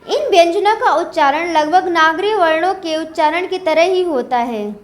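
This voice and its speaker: A woman with a high-pitched voice gives a methodical pronunciation lesson. She asks a question, then answers it herself. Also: moderate pace. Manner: explains step by step, asks and answers her own questions. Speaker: English teacher. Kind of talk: Hindi-medium pronunciation lesson.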